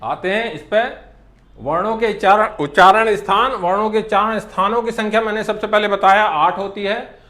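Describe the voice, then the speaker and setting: A man teaching a class, spelling out sounds one at a time in a slow, deliberate lecture. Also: high voice, pushed and bright.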